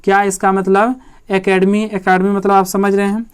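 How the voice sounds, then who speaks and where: His voice sits high and smooth, and his delivery is completely flat as he runs a Hindi exam-prep lesson. Each point gets repeated, he quizzes himself and supplies the answers, and English lines are read slowly word by word.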